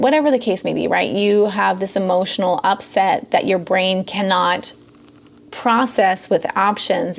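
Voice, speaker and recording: Gentle woman guiding self-care. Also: mid-range voice, gravelly. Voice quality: gentle, conversational, many fillers. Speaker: self-care podcast host. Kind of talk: calm teaching talk with guided breathing.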